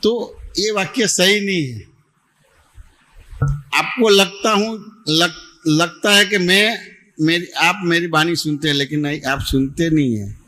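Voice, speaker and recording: A man with a slightly high voice, pushed and bright, speaks slowly while leading a satsang Q&A as a spiritual teacher. Patient and repetitive, he often confirms his audience understands, in a devotional gathering hall in Ahmedabad.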